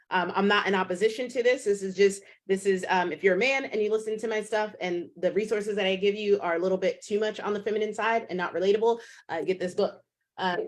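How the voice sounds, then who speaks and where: A woman in her thirties hosting her own podcast as a fitness coach, talking casually and bluntly, with swearing and quick impressions of her clients. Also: medium pitch. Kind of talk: casual solo podcast monologue.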